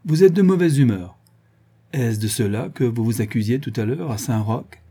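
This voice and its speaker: A stout society man teases and needles in a dark, husky voice, as the reader plays him. He talks constantly and enjoys his own wit. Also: mid-range voice, lively intonation, normal speed. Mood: teasing. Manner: teasing, talkative.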